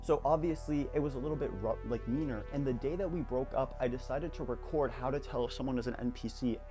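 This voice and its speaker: A man's voice: mid-range voice, fast, over loud music. A young man in his late teens talking candidly and reflectively in a personal vlog, rambling a little and restarting his sentences. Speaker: YouTuber.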